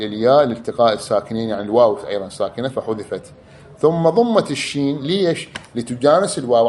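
A man's voice: medium pitch, darkish tone, a little hiss or hum. A man teaching a class, explaining step by step, repeating key words and drawing out examples. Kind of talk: explanatory lecture.

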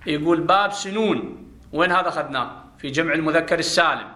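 A man's voice: on the high side, quick pace, pushed and bright, echoey room. A man teaching a grammar class, explaining step by step and putting questions to his students. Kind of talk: classroom lesson.

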